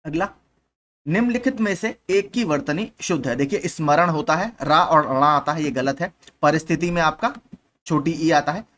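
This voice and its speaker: A man's voice: a little high, moderate pace, fairly bright tone. A young man teaching as a channel host, patiently working through exam questions one by one and often repeating key points. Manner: patient, repeats points, frequent "theek hai" checks.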